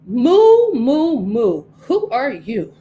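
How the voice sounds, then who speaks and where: Woman reading as a friendly female dairy cow, mooing, high, storybook. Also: huge pitch swings, very slow, mellow, a little hiss or hum, exaggerated voice. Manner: mooing, welcoming.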